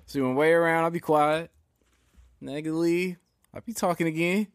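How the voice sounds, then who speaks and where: Profane, animated man on a sports podcast. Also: on the high side, normal speed, smooth, no room sound, studio quality. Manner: loose, profane, animated storytelling. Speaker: podcast co-host. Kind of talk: casual sports chat.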